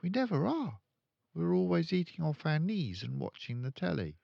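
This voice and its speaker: A man's voice: fairly high pitch, very animated, normal speed, creaky, no room sound, highs cut off, voice pushed up, exaggerated voice. A man voicing a principled, indignant little girl in a children's storybook, earnest and controlled. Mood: polite, firm. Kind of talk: children's storybook read aloud.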